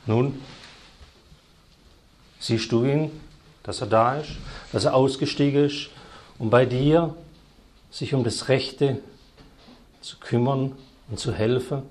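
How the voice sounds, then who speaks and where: A man preaching a sermon, emphatic and repetitive, swinging between loud stressed words and hushed asides. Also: mid-range voice, slow pace, long pauses.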